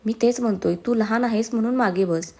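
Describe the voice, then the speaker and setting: A woman's voice: on the high side, fairly quick, a little mellow. A woman voicing a curt, teasing young man who brushes off a younger girl.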